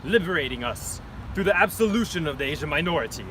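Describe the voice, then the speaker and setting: A man's voice: fairly high pitch, expressive, quick pace, far from the mic, noisy background, pitched above the performer's own voice, lightly acted. A man playing a boastful, ruthless military dictator, declaiming grand proclamations in a history skit. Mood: self-satisfied. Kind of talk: dramatised historical speeches.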